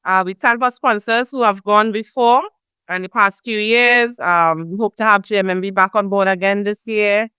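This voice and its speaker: A woman hosting a program, effusive and warm, thanking family and sponsors. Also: medium pitch, steady tone, moderate pace, clean tone, no echo, studio quality. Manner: warm, effusive, repeats "amazing". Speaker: foundation founder hosting a program. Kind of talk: welcoming host remarks.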